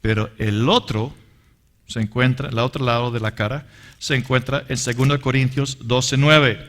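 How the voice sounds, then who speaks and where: A man's voice: medium pitch, fairly even intonation, a bit bright. A man teaching a sermon with personal testimony, earnest and emphatic, addressing the listeners as brothers. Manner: deliberate and emphatic. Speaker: Bible teacher.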